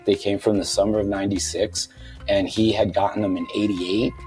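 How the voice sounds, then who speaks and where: A man's voice: lowish voice, steady tone, fairly quick, a little mellow, faint music behind, poor audio. A man recalling in a plain, matter-of-fact way. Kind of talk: casual recollection.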